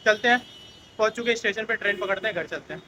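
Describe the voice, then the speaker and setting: A man's voice: high voice, fast, pushed and bright, a little hiss or hum, rough recording. A young man vlogging casually, telling a story in a chatty, ranting way while walking through a station and streets. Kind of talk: casual vlog talk to camera. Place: Mumbai local train station and streets, outdoors.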